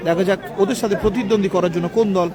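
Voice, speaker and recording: Male live football streamer, rapid delivery, heavy crowd noise behind him outdoors. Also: high voice, steady tone. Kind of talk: live match commentary mixed with chat to online viewers. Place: outdoors at a local football ground. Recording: loud crowd at an outdoor match. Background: loud crowd noise.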